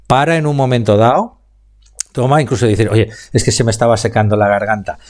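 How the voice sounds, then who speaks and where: Speaking with a Spain Spanish accent, a man leads a live online public speaking class, responding to chat questions and slowing his delivery to show pauses and emphasis. His voice has a medium pitch, fairly even intonation, and a slightly mellow quality.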